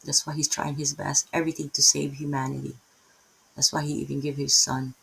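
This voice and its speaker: Poor audio captures an extremely low, gravelly, husky voice with a sharp edge, delivered in a level tone a little on the fast side. It belongs to a middle-aged Filipino-accented woman leading an informal Bible lesson, rambling, breaking off mid-thought and repeatedly asking "right?".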